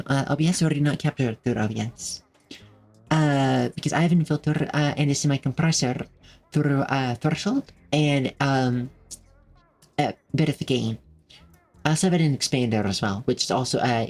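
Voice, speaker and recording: A streamer chats loosely with viewers in a slightly husky voice, thanking them and drifting through restarts and fillers. The pitch sits in an ordinary middle range. Faint music plays under the talk from a home desk setup. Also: normal speed, a little mellow. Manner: rambling, friendly, many fillers and restarts. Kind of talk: casual live-stream chat, reading chat. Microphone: desk microphone with noise filters.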